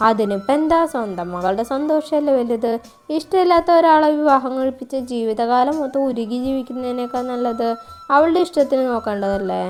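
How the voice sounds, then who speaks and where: A woman voicing a spirited, sharp-tongued young bride in a storybook, with cheeky, quick retorts. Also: sits high, soft background music, natural voice. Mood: earnest. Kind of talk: storybook character voice.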